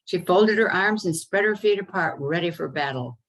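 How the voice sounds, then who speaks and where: A woman author reading her own children's story aloud over a video call, unhurried with the odd um. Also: lowish voice, lively intonation, rough recording. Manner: unhurried reading with occasional ums.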